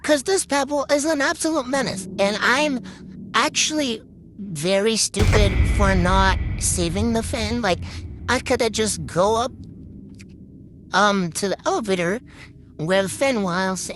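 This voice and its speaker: A gaming video creator talks casually over her own gameplay footage in a mid-range, unhurried voice. She sounds exasperated and rambles, frequently restarting sentences, with steady noise running in the background.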